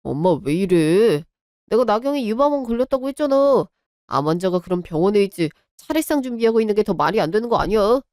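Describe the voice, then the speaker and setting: A woman doing a lowered-voice young husband. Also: lively intonation, fairly quick, a little mellow, dry recording, clean studio sound, close to an everyday voice. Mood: pleading. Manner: pleading, apologetic. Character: young husband, apologetic, torn by his mother. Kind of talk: Korean radio drama.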